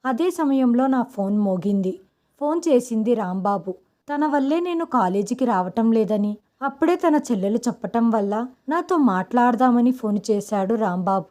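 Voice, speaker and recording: A woman's voice: a little high, expressive, normal speed, darkish tone. A woman narrating a first-person family story, quoting the brother and uncle in her own voice.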